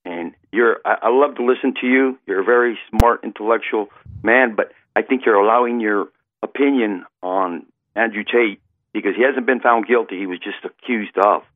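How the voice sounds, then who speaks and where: A man's voice comes through a tinny, narrow phone line as he calls in to a radio show. He sounds nervous and halting, restarting his sentences, and his voice sits fairly low. The recording is dry, with no room around it. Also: no room sound. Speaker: caller. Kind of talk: call-in talk.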